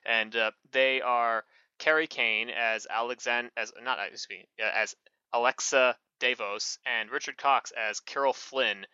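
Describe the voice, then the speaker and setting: Man, podcast co-host, casual rambling chat, lots of fillers, sharp bright tone, muffled lo-fi recording. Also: medium pitch, steady tone, unhurried, clear, resonant tone, no room sound. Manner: rambling, full of fillers and self-corrections. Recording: muffled lo-fi mic.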